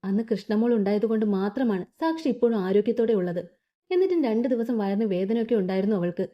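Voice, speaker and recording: Woman reading as a grieving, gentle father. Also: medium pitch, animated, fast talker, dull audio, lightly acted. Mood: hurt. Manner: sorrowful questioning. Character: grieving middle-aged father, gentle and hurt.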